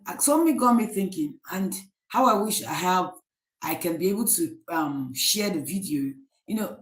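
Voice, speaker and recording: A Nigerian woman hosting a casual live stream, chatting with viewers by name and often pausing on fillers. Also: lowish voice, echoey room, low-quality recording. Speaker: livestream host.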